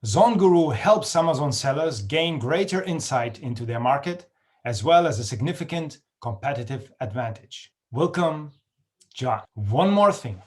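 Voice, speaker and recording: Halting male podcast host, high-ish voice. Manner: friendly, halting, many fillers. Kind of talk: casual interview chat.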